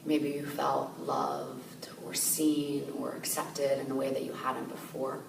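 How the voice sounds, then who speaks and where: A woman meditation teacher calmly guiding a meditation, speaking gently and slowly with soft fillers. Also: extremely low pitch, gravelly. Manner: gentle, slow, soothing guidance with soft fillers. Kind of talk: guided meditation. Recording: echoey room, distant mic, noisy ambience.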